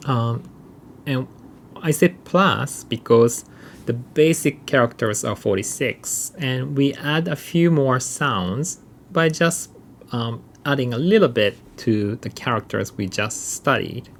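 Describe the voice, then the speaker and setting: Male language teacher, unhurried delivery, gravelly edge, patient repeated examples. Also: mid-range voice, expressive, slight background noise. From Japan. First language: Japanese. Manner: explains patiently, repeating and drawing out example sounds. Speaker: Japanese language instructor. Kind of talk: recorded mini-lecture.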